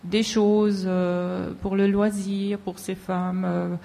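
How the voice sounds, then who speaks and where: Woman on a panel talking really slowly, lots of hesitating, big echoey hall. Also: medium pitch, little pitch movement, vocal fry, mellow. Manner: very halting, frequent long hesitations and broken phrases. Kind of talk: spontaneous public discussion. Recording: echoey hall with long reverb.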